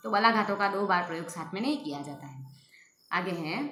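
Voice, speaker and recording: A woman teacher giving a school Hindi grammar lesson, explaining slowly, repeating examples and often checking with her students. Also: fairly low pitch, lively intonation, pushed and bright, soft background music. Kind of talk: recorded class lesson. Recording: echoey room with faint ambient noise.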